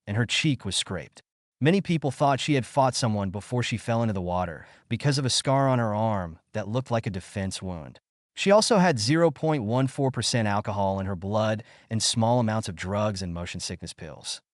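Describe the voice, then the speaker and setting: A man reading a scripted documentary narration in a measured storytelling manner. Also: on the low side, dry recording, clean studio sound.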